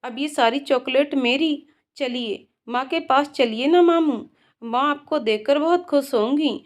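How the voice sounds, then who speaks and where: Woman narrating little girl, innocent, questioning, high voice, storybook. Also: unhurried. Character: little girl who has lost her mother.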